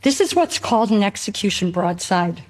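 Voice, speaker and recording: A woman's voice: medium pitch, big pitch swings, normal speed, darkish tone. A woman author speaking in an interview, explaining in an engaged way. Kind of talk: interview remarks.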